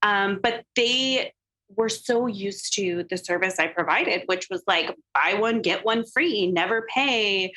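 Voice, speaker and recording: A woman's voice: mid-range voice, takes it slowly, bright, forceful tone, rough recording. A woman speaking as a podcast guest about her photography business, telling an emotional personal story openly and filling her talk with "like" and "um". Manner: emotional and open, heavy use of "like" and "um" fillers.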